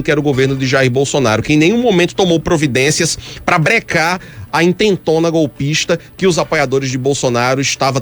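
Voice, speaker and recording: Emphatic man arguing on radio talk. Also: a little high. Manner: emphatic and argumentative, presses his point insistently. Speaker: radio political commentator. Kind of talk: heated radio debate. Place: radio studio.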